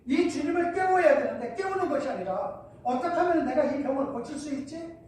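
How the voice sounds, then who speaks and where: Male pastor preaching from a distance in a church; booming echo, faint room noise. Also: lively intonation, fairly quick, darkish tone. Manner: preaching with rhetorical questions. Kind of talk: sermon. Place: church hall. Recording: echoey church from far off.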